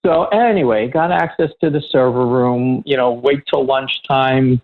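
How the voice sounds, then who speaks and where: A man's voice: mid-range voice, unhurried. Middle-aged man telling stories over a tinny line. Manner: lively storyteller who acts out quoted dialogue. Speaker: guest, security professional. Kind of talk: conversational anecdote telling.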